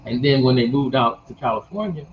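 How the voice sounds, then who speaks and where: A man in his sixties talks in a folksy, storytelling way and laughs at his own jokes. His voice sits at an ordinary middle pitch. The recording is a little muffled, with a faint hum behind him. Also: animated, fairly quick. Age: 60s. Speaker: guest. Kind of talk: casual conversation.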